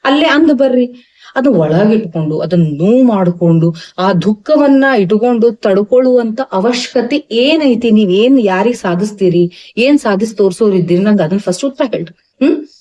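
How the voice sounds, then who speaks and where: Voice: medium pitch, expressive, moderate pace, dark tone, muffled recording. An Ayurvedic doctor with a North Karnataka Kannada accent gives a health talk to camera. The doctor speaks emphatically, asks rhetorical questions and mixes in English medical terms.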